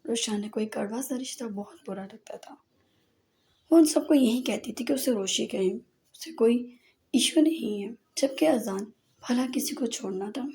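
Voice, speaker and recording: A woman narrating a romance novel audiobook in a soft, sometimes breathy voice. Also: fairly high pitch, unhurried.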